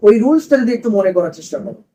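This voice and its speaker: A man's voice: high-pitched, sing-song, racing, dark tone, low-quality recording. A man teaching a grammar lesson to a class in a classroom, asking questions and repeating the students' answers.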